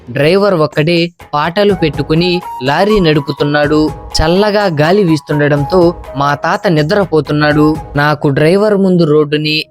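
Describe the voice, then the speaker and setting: Telugu horror storyteller over faint music. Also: male voice, on the high side. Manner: steady storytelling delivery, first person. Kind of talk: scripted horror narration.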